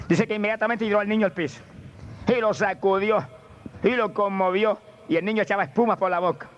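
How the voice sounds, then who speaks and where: Fervent high-voiced preacher, lo-fi tape. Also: male voice. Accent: Puerto Rican Spanish. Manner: fervent, swings from low asides to high exclamations of praise. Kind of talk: sermon. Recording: dull lo-fi tape with faint noise.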